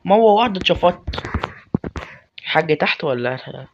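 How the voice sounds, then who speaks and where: A young man with an Egyptian Arabic accent, giving loud, excitable commentary on a horror game and yelling at its characters. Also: a little high, normal speed, dull audio, background noise. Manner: excitable, talks to game characters and swears at them. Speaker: gamer.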